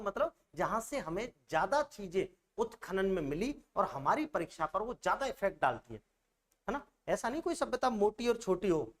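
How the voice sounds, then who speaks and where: A male teacher giving an online exam-prep coaching lecture, chatty and always checking in with students through rhetorical questions. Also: high-pitched.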